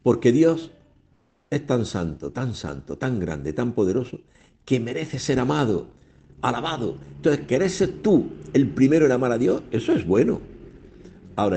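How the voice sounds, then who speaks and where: Low, mellow-voiced male preacher. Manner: emphatic preaching with repeated phrases and rhetorical questions. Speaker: radio preacher. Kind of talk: sermon.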